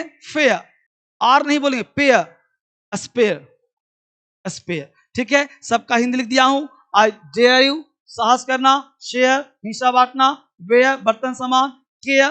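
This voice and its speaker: A man's voice: extremely high pitch, pushed and bright. A man teaching an online English pronunciation class, repeating each point and quizzing his students affectionately. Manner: repetitive, drilling and quizzing students; affectionate, calls students child.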